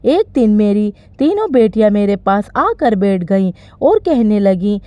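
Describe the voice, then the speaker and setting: A woman narrating an emotional first-person story in an expressive storytelling manner. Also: medium pitch, unhurried, dry recording. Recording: slightly dull, dry recording.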